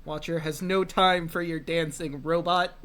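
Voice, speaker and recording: A man's voice: fairly high pitch, steady tone, normal speed, a bit bright, smooth. A man running a tabletop game as game master, narrating the action and dice rolls in an easygoing way, often laughing.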